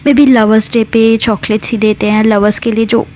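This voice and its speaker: A woman's voice: fairly high pitch, little pitch movement, moderate pace, a little mellow. A woman narrating a love story in a chatty, explaining manner, often breaking off mid-sentence. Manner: chatty, explaining, interrupts herself. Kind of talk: casual spoken story narration.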